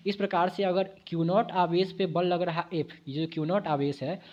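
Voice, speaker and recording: A man with a high-pitched voice explains physics for exam preparation. He works through each point step by step, corrects his own slips, and keeps asking the viewers to repeat answers back to him. The sound is dull and lo-fi. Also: steady tone, moderate pace, a little mellow. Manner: explains at a board with self-corrections. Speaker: physics teacher. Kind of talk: exam-prep physics lesson.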